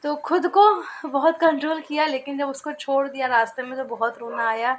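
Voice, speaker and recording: A woman's voice: high-pitched, steady tone, moderate pace, a little hiss or hum. A young woman chatting and teasing playfully at home, filmed on a phone camera. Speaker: vlogger. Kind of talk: casual chat on camera. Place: at home, indoors.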